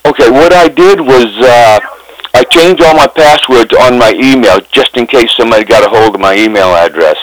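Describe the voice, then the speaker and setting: A man calling customer support by phone, plainspoken and halting as he explains himself. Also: medium pitch, no echo, poor audio. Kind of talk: customer service phone call. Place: on a phone call.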